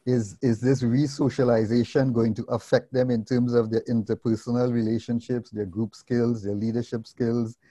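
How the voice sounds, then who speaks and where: Male moderator, mellow and dry sound, earnest, asks questions. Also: medium pitch, little pitch movement, moderate pace, few pauses, no room sound. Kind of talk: panel discussion.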